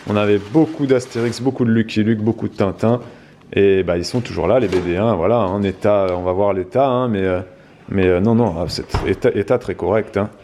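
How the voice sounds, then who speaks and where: A man's voice: on the low side, a little fast, mellow, slight background noise. Guy from la reunion with a creole accent, rambling unboxing chat, lots of voilà and hein, just talking to the camera. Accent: Réunion Creole French. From La Réunion. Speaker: vlog host.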